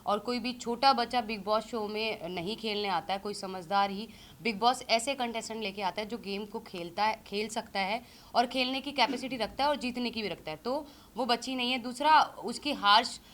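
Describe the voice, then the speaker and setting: A woman in her thirties, an interview guest, giving critical views in a measured, hesitant way. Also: a little high, fairly bright tone. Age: 30s. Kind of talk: casual interview talk.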